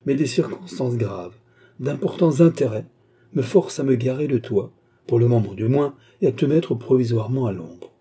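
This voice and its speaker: A man playing a cold, scheming English baronet who speaks with mocking, false affection in a husky voice. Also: mid-range voice, animated, normal speed, warm tone. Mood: coldly sweet.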